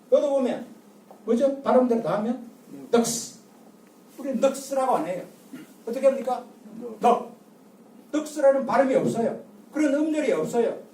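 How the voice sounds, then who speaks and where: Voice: sits high, dark tone, slight background noise. An older lecturer giving a public talk, drilling the audience with call-and-response and repeated rhetorical questions. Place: lecture room. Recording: echoey lecture room from far off.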